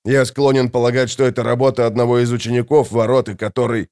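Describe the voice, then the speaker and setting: A man's voice: medium pitch, little pitch movement, fast talker, a little mellow, clean tone, close to an everyday voice. A man reading the part of a broken, devoted older warrior-minstrel who speaks in a faltering, pleading way. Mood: flustered.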